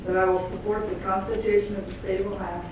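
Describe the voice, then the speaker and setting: A woman's voice: medium pitch, level tone, fast talker, darkish tone. An American woman official being sworn in, repeating a rote oath phrase by phrase. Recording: roomy, distant mic with light noise.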